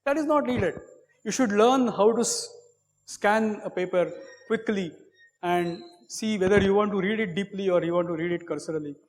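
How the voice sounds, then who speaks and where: A man with an Indian English accent giving an academic lecture as a professor, measured and repetitive, with many fillers and frequent "okay". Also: high-pitched, in a large hall.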